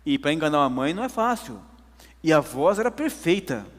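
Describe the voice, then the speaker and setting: A man's voice: a little high, very animated, a little fast, big-room sound. A man preaching a sermon, telling a story emphatically to his congregation. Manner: emphatic storytelling, addresses listeners as brothers.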